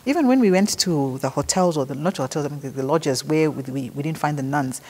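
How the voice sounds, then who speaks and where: A woman's voice: sits low, brisk, dark tone, breathy edge. A middle-aged woman with a Zambian accent, recalling a trip in a chatty, anecdotal way and acting out what people said. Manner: chatty storyteller who acts out quoted dialogue. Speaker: interviewee paying tribute. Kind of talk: casual anecdotal recollection.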